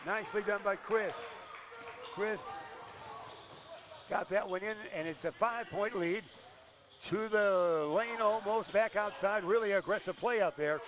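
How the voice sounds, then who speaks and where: An older man calling high school basketball play-by-play with rapid, excited calls and chatty asides in a school gym. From Illinois. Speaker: play-by-play announcer.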